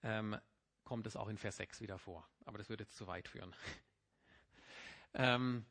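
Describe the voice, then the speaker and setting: A middle-aged pastor preaching a sermon, explaining patiently and then rising into emphatic passages. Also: male voice, lowish voice, moderate pace, fairly bright tone.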